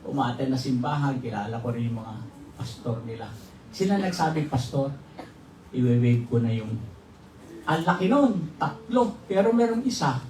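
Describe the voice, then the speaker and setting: Joking and laughing with his congregation, a Filipino pastor shares a funny testimony in his sermon, his mid-range voice swinging widely in pitch at a moderate pace and slightly mellow. The church-hall recording is roomy and distant, with faint ambience and a little hiss or hum.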